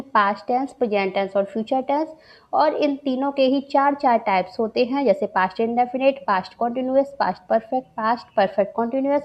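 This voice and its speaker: Patient woman teacher, higher voice. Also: lo-fi sound. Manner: patient, repeats each point, mixes English terms into Hindi. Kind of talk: exam-prep grammar lesson.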